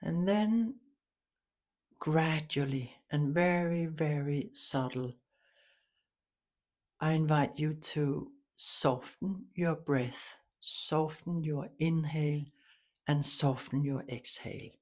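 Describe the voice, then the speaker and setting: A woman whose voice sits low talks listeners through a guided meditation, keeping her instructions soft, calm, and unhurried, with long pauses.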